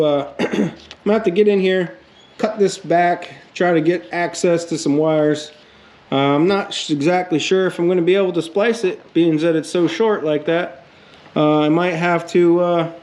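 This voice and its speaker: Guy a bit on the higher side, feeling sick, chatting thru a diy repair video, kinda halting and low key. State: under the weather, sick with a cold. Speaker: host of a DIY motorcycle repair channel. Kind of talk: casual how-to vlog talk.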